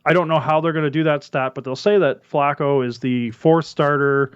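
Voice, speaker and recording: A man's voice: fairly high pitch, steady tone, normal speed, clear, resonant tone, no room sound. Man talking football, dull dry mic. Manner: rambling, self-correcting, laughs at himself. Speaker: podcast co-host. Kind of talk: casual sports chat.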